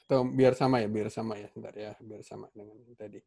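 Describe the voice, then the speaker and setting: A man with an Indonesian accent teaching a welding class online, speaking casually and haltingly with many fillers and restarts. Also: fairly low pitch, fairly even intonation, gravelly, warm tone. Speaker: welding instructor. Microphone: computer mic on a video call.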